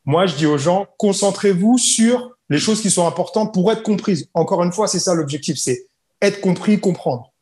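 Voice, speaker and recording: French man, English teacher, explains with examples, slightly high voice, roomy sound. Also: animated, moderate pace, darkish tone. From France. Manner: explains with examples, repeats key points. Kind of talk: casual podcast conversation.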